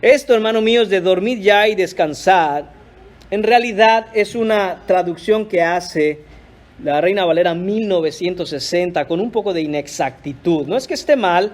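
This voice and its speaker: A man's voice: high voice, moderate pace. A pastor preaching a sermon in an earnest, emphatic way, often addressing his listeners as brothers. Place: church.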